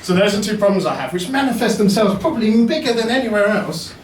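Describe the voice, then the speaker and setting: A man's voice: sits high, animated, fast, recorded from a distance, slight background noise. A man performing a wry, self-deprecating stand-up comedy set in a basement comedy venue. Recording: roomy echo, mic heard from afar.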